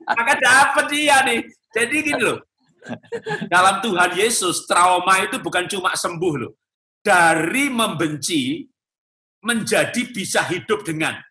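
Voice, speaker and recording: Jolly guy talking faith, high and super bright, laughs a lot, roomy echo. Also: slow pace, long pauses. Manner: jovial, laughs often while teaching. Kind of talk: casual faith talk.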